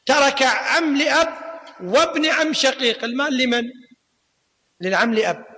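Speaking at normal speed in a very high, pushed, bright voice, the man lectures a class on Islamic law and grammar. He tests his students with questions and repeats what matters most, all under the long reverb of a lecture hall.

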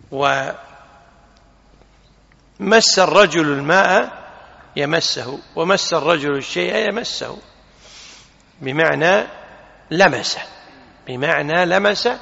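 A man giving a religious lesson, explaining a text in a measured way and slowing down to stress the forms of words. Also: fairly high pitch, creaky, bright, forceful tone. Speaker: religious teacher. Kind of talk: hadith lesson commentary. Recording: muffled recording with long hall reverb.

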